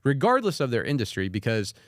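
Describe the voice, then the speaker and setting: Speaking fast at medium pitch, this podcast host keeps things easygoing and chatty, his questions long and meandering. The casual interview takes place in a Las Vegas podcast studio, captured at studio quality with no echo.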